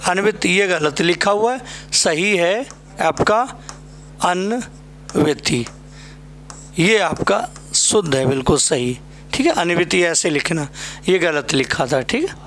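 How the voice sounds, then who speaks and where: A man's voice: high-pitched, fairly bright tone, slight background noise. A man teaching a Hindi spelling class for exam students, drilling each word over and over and checking in with tag questions. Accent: Hindi from north India. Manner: addresses students fondly as "बेटा" and "भाई मेरे". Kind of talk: spelling lesson at a board.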